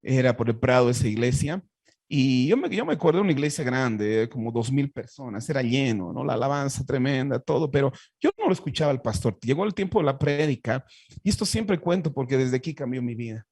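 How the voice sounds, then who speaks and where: A man's voice: mid-range voice, animated, a little fast, a little mellow, no room sound. A Bolivian man with a Bolivian Spanish accent, a pastor telling his personal faith testimony in an earnest, heartfelt way with frequent restarts.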